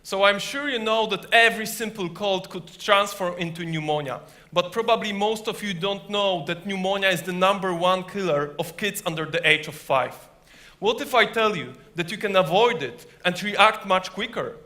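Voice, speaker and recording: Man, high-pitched, bright forceful tone, rehearsed founder pitch. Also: normal speed. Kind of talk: rehearsed competitive startup pitch.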